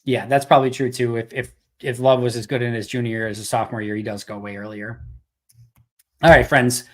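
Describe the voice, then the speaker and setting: Host, male, casual live-stream Q&A voice, loose and chatty, a bit hoarse. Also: mid-range voice, little pitch movement, quick pace. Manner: conversational, thinks aloud with restarts. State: losing his voice. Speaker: podcast host.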